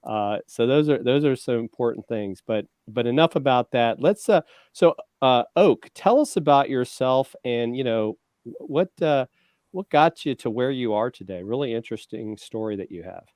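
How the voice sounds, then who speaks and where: A man's voice: medium pitch, expressive, moderate pace, darkish tone, dry recording, clean studio sound. A man co-hosting a podcast in casual chat, talking loosely with many fillers and restarts. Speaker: co-host.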